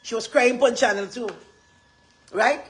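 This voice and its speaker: A woman's voice: a little high, a little slow. A woman with a Guyanese accent gives an impassioned, rambling live address as a community advocate, repeating her points with emphasis.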